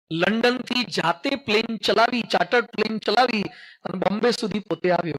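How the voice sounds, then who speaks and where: A high-pitched, bright-toned middle-aged monk delivering a sermon in a Gujarati accent. He tells folksy stories with jokes and leads his listeners in call-and-response, slipping English phrases into his talk. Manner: mixes English phrases into speech. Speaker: monk preacher.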